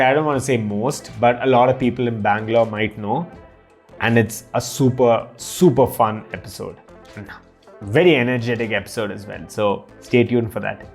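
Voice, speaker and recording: A man's voice: mid-range voice, darkish tone. A man hosting a podcast in an easygoing, casual way, wrapping up the episode. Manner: easygoing, laughs often, calls people dude. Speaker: podcast host. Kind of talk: casual podcast chat and outro.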